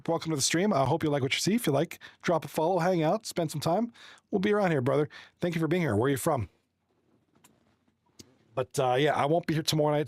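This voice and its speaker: A man's voice: on the high side, no room sound, clean studio sound. A man from Toronto, an esports hockey commentator chatting casually on a livestream, friendly and rambling, reading the chat and running through stats. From Toronto, Canada. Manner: rambling, friendly, reads chat aloud and runs through stats with many restarts.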